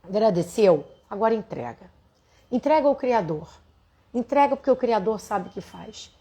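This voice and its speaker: A woman's voice: medium pitch, expressive, moderate pace, mellow, husky. Earnest Brazilian woman telling a story. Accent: Brazilian Portuguese. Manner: earnest, addresses listeners directly. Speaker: spiritual teacher. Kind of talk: storytelling to an audience.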